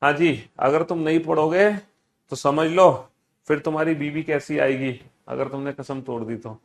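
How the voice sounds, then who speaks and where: A man's voice: fairly high pitch, steady tone, moderate pace. A man teaching a class, repeating each instruction and coaxing students with affectionate teasing as he drills them. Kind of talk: classroom lesson.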